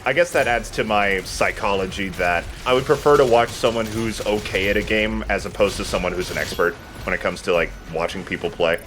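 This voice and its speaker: A man talks over his gameplay quickly and almost without pausing, his voice on the lower side. The let's-play commentary is informal and self-mocking, and the background is noisy.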